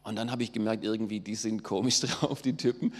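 A man's voice: lowish voice, steady tone, brisk. A middle-aged man from southwest Germany giving a personal testimony, storytelling with fillers and acting out quoted voices. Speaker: testimony speaker. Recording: long hall reverb.

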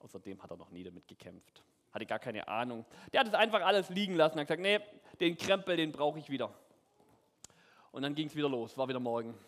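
A man telling a Bible story to children in character, playful and animated, speaking straight to them. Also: mid-range voice, racing. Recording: echoey hall.

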